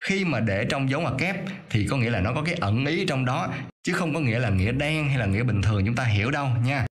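Man teaching English, slow careful reading. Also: mid-range voice, animated. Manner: reads English lines slowly and carefully, explains quickly in between. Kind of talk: explaining an English reading exercise.

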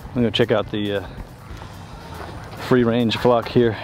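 A man casually narrating a vlog while walking outdoors around a farm, in a relaxed, rambling way. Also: mid-range voice, unhurried, over music. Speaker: homestead vlogger. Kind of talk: casual walk-and-talk vlog.

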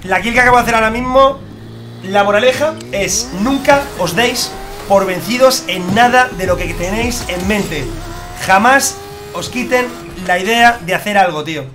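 A young man with a Spain Spanish accent, commentating his gameplay to viewers in a chatty, slangy, excitable way. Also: high-pitched, normal speed, background noise. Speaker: gaming streamer. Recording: loud game music behind.

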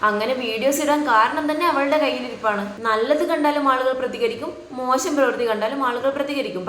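A woman speaks in a firm, lecturing tone as she comments on a video. Her voice sits fairly high. It rings with the echo of a hard-walled room. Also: a bit bright, slight background noise. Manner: scolding, lecturing. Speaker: reaction YouTuber. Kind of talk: reaction commentary.

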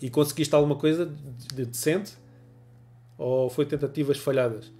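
A photography livestream host in his forties, speaking with a European Portuguese accent, chats casually while reading viewer comments, greeting viewers by name and laughing often despite a cold. His voice is on the high side and warm, with fairly even intonation at a moderate pace. He uses a wired earphone mic in a small home room, with soft music in the background.

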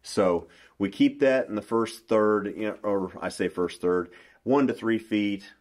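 A middle-aged man, a bass fishing pro, explaining his baits in a casual, folksy interview with plenty of restarts, recorded in a small room. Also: measured pace. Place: small indoor room at a table.

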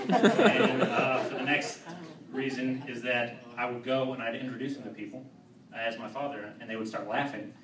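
A young man performing a stand-up set in a comedy club, with a deadpan, halting delivery full of fillers and restarts. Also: medium pitch, background noise. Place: comedy club with live audience. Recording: roomy, distant club mic with crowd.

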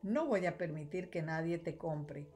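A stern but loving father from a storybook, put on by a woman reader. He scolds firmly, in an unhurried, deliberate way. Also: low voice, animated, darkish tone, faint music behind. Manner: firm, scolding.

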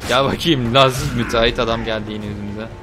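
A young man giving casual, chatty commentary while playing a video game, talking to the game and swearing lightly with sudden excited outbursts. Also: medium pitch, brisk, music in the background. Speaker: gameplay video host. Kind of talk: casual let's-play commentary.

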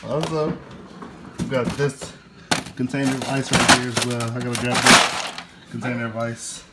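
A man's voice: mid-range voice, little pitch movement, normal speed. A young man chatting casually for a vlog, nervous and full of exclamations. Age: young adult. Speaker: vlogger doing an ice bath challenge. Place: small tiled bathroom at home. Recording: echoey bathroom with loud noise.

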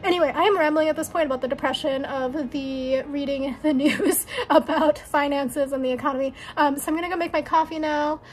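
High-voiced young woman vlogging. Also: steady tone, a little fast, hardly any pauses, soft background music. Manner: rambling, many ums and likes. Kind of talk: casual vlog chat.

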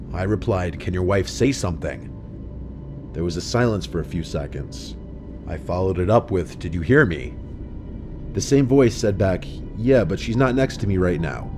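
Low-voiced man narrating a horror story. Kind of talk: scripted narration. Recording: faint music behind the voice.

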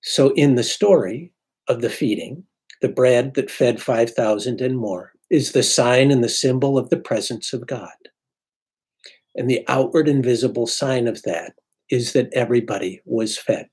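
A man in his sixties, a priest, giving an unhurried, reflective sermon from his home study into a webcam. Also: medium pitch, a little mellow, slightly rough. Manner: unhurried, reflective preaching with pauses. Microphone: webcam at desk.

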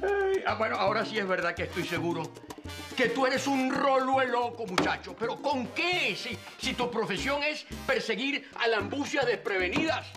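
A mocking, sarcastic politician in a telenovela. He teases with a very high, lively voice. Loud music runs under the scene. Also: normal speed. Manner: mocking, teasing and theatrical. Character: scoffing middle-aged male politician, sarcastic. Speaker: government official in a telenovela. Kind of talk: telenovela acting. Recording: soap opera scene with music behind.

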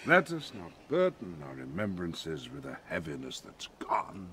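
A man's voice: low-pitched, huge pitch swings, bright, forceful tone, heavily acted. Man acting Prospero, a commanding duke, swooping delivery. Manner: theatrical, measured, formal. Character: Prospero, commanding wronged duke and grieving father. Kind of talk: Shakespearean audio drama acting. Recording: clear background noise, ambience.

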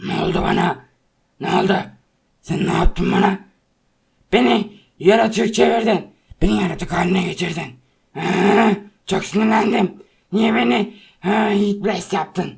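A woman voicing a male hero turned into an angry fire monster in a toy play-acting video, with a strained, gravelly voice and threatening or pleading delivery. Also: medium pitch, measured pace, darkish tone, voice pushed down, exaggerated voice. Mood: furious. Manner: pleading, then raging threats.

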